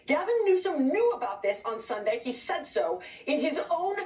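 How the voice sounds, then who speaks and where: A woman from California pressing her case as an interview guest, angry and insistent. Her voice sits a touch high, and it comes through roomy and a little distant from the mic. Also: very animated, a little mellow. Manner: outraged, rapid-fire, emphatic. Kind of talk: heated remote interview.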